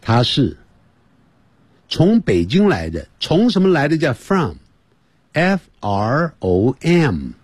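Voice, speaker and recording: A man teaching an English lesson on the radio, drilling words slowly and repeating them for listeners to copy. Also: a little high, huge pitch swings, slightly rough, dry recording, clean studio sound. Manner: slow, repeats words over and over for learners to copy. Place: radio studio.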